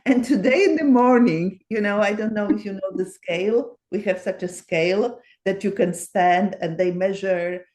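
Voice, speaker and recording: A woman's voice: medium pitch, normal speed, hardly any pauses, darkish tone. Earnest older woman with phrasing. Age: 70s. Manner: earnest, repeats words for emphasis, non-native phrasing. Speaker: guest researcher. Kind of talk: casual interview talk.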